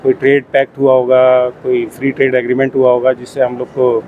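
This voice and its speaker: A man from Jaipur, an exhibitor at a garments fair, answering interview questions in a mix of Hindi and English with many pauses. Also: medium pitch, monotone, phone-quality sound, a little hiss or hum. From Jaipur, India. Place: busy trade fair hall.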